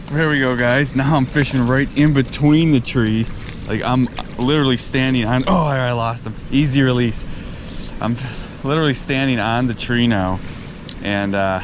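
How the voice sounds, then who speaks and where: Excited fishing man by a noisy river. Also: mid-range voice, unhurried. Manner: excited, chatty, talks to viewers as guys. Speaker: fishing video host. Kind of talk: casual on-the-spot fishing commentary. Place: outdoors on a riverbank and fallen tree. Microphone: head or chest-mounted action camera. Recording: outdoor camera mic with river and wind noise.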